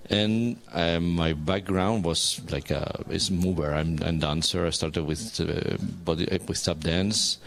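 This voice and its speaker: A man from Spain with a Spanish accent, speaking as a guest artist in an interview, halting and searching for words in English. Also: low voice, steady tone, creaky, a bit bright. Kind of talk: casual interview talk.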